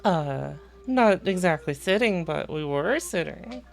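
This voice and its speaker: A woman's voice: on the low side, animated, a little slow, gravelly, faint music behind. A woman streamer chatting casually as she reacts to a game. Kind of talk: casual chat, live reaction.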